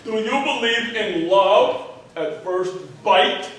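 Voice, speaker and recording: A corny undead charmer acted by a man flirts slowly in a very high male voice. It is stage comedy, heard from far off in a noisy, echoing theater. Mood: flirtatious. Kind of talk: live stage comedy acting.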